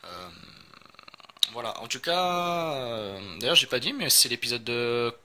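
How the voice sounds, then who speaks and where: A man's voice: medium pitch, animated, a little slow, pushed and bright, slight background noise. A man chatting casually as he unboxes a game, rambling with many fillers and self-corrections.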